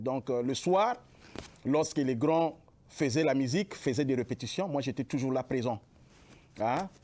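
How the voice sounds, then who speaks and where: A young musician from the Republic of the Congo, whose language is Lari, answers questions as a guest in a local TV studio. He halts often, drawing out many fillers, and his voice is medium-pitched and warm.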